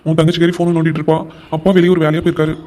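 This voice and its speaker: A man voicing a cheeky, flirty younger brother in a cartoon, talking in a rapid, breezy, teasing way. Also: fairly high pitch, monotone, mellow, lightly acted. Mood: chatty. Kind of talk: animated cartoon voice acting.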